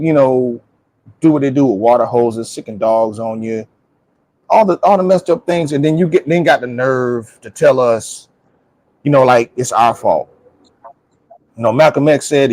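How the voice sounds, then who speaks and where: On a talk show, an American man serves as a panelist in a casual, opinionated group discussion, speaking emphatically and colloquially and repeating phrases for stress. His voice is medium-pitched and a little mellow, with no room sound but poor audio.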